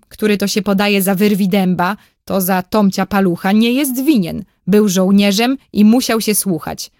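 A woman's voice: mid-range voice, darkish tone, no room sound, clean studio sound, close to an everyday voice. A woman reading a storybook, voicing a formal male defense lawyer pleading a case in court.

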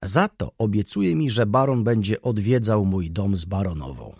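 Man voicing a sulky, shrewd merchant in an audiobook, low and husky. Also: animated, normal speed, darkish tone, dry recording, studio quality, heavily acted. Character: calculating, stubborn businessman.

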